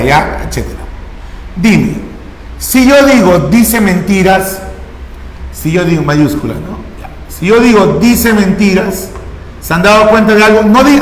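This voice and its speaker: A man's voice: high voice, expressive, a little slow, a little hiss or hum. A man teaching a grammar lesson to a class, coaxing students with repeated questions and prompts. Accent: Peruvian Spanish. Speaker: language teacher. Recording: echoey classroom with long reverb.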